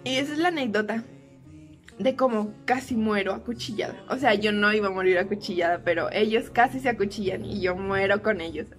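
A young woman with a Mexican Spanish accent telling a storytime vlog, animated and laughing often as she acts out the quotes. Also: medium pitch, fairly quick, faint music behind. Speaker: vlogger.

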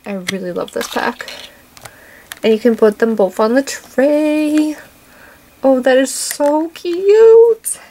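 A young woman hosting a casual toy unboxing, gushing and excitable, always saying how cute things are. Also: a little high, a little hiss or hum.

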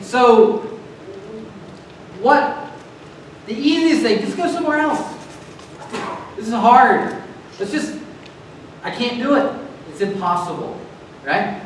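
A man preaching a sermon in a church, talking in a conversational, animated way and acting out little scenes. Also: sits high, a little hiss or hum. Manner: conversational, animated, acts out voices with laughs. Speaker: pastor. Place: church sanctuary. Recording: very echoey church hall, mic at a distance.

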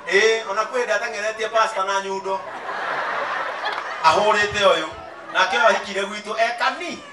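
Pastor guy, high and sharp, yells his sermon, roomy tent sound, sits a bit far from the mic. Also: a little fast, background noise. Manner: switches from storytelling to shouted preaching. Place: large outdoor tent church. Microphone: handheld mic, pacing the stage.

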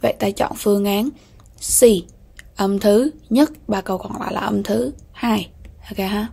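A woman teacher with a Vietnamese accent, going slowly and methodically through an exam-prep lesson, repeating key words and checking in with "ok ha". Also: mid-range voice, steady tone, gravelly, warm tone, breathy edge. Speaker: English teacher.

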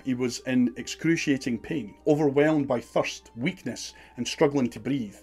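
A man's voice: mid-range voice, a little mellow. A man giving scripted documentary narration in a dramatic, suspenseful storytelling manner.

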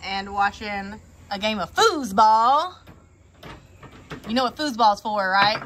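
A woman's voice: mid-range voice, expressive, slow pace, fairly bright tone. A woman vlogging at a mountain cabin, playful and teasing. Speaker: family vlogger. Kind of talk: casual vlog chat. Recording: noisy background.

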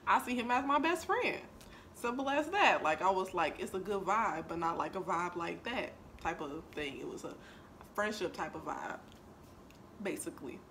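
A young woman chats playfully on camera, teasing her best friend. Her voice is bright and her pitch swings widely as she tells stories. A faint hiss of background noise sits under the talk. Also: moderate pace. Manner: chatty, playful, lively storytelling. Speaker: vlogger. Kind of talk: casual chat. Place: apartment.

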